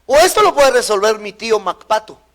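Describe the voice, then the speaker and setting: A male pastor preaches in a high-pitched voice, repeating key words for emphasis. He mixes scripture reading with playful, humorous asides to his congregation. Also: expressive, a little fast, a bit bright. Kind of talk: sermon.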